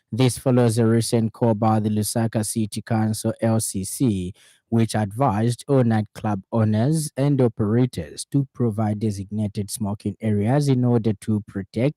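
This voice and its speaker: A man with a Zambian accent reads a scripted radio news bulletin, formal and measured. His voice is lowish and dark in tone, recorded with no room sound.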